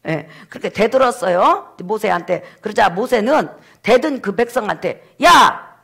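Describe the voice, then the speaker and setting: A man's voice: high voice, expressive, moderate pace, vocal fry, a bit bright, breathy edge. A male pastor preaching a sermon in a church, acting out the voices of the people he quotes.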